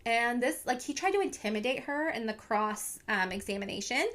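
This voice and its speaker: A woman's voice: a little high, animated, moderate pace, fairly bright tone. A young woman casually retelling a true crime story to her viewers on camera, chatty and full of fillers. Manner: chatty, lots of "like", talks to viewers.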